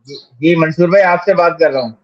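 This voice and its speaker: Man on a choppy, breaking-up call line. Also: a little high. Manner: hesitant, halting host questions. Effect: choppy, breaking-up call audio. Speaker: show host. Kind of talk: casual online sports panel chat. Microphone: remote video call. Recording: lo-fi, cutting-out online call.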